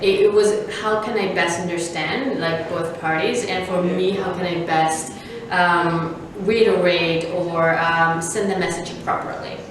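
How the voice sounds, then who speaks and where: A woman from Venezuela, a startup founder, answering interview questions in a measured way with many fillers. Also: on the low side, steady tone, very echoey, far from the mic, crowd noise, low-quality recording.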